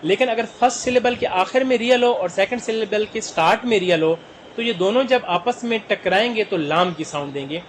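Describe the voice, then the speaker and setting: A man with a Pakistani Urdu accent teaching Korean vocabulary, sounding out each word slowly syllable by syllable. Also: high-pitched, a little hiss or hum, poor audio. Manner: spells words out slowly syllable by syllable. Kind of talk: vocabulary lesson.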